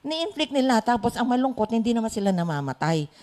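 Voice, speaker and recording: A woman with a Filipino accent leading a Bible study, chatty and quick to laugh. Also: a little high, big pitch swings, darkish tone. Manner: chatty, laughs often, mixes in English. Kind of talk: Bible study sharing in Taglish.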